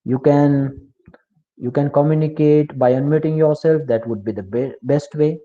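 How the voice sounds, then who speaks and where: In an online class, a man with an Indian English accent teaches tax law step by step, repeating key terms and asking the class questions. His voice is on the high side at normal speed, the recording slightly dull and lo-fi.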